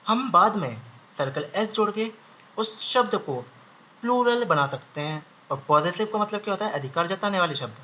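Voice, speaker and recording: A young man teaching shorthand step by step, slowly repeating each word several times as he draws it. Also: sits high, animated, sharp tone. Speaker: shorthand instructor. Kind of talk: step-by-step lesson. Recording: slightly dull audio with faint background hiss.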